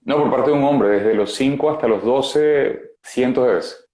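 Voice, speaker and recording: A man in his thirties with a Venezuelan accent, a guest speaking frankly and haltingly about his past over a video call. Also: mid-range voice, mellow, roomy sound. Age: 30s. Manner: frank, halting, many fillers. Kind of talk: candid personal testimony.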